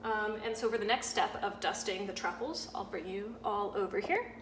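A young woman, a sous chef, explaining a cooking demonstration step by step in a relaxed way, with frequent ums. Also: medium pitch, moderate pace. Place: home-style kitchen, indoors. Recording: echoey kitchen with audible background noise.

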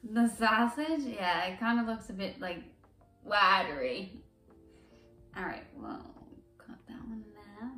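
A young woman chats unhurriedly through a candy taste test, squeamish and quick to laugh. She sounds set back from the mic in a roomy space, with faint music underneath. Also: mid-range voice, lively intonation, sharp tone, far from the mic. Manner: chatty, squeamish, laughs easily. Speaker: vlog host. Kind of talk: casual chat while taste-testing candy.

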